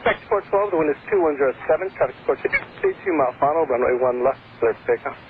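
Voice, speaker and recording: Fast-talking air traffic controller on radio. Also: male voice, on the high side, expressive. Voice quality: interrupted by hiccups. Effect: aviation radio. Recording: narrow, tinny radio channel with faint static.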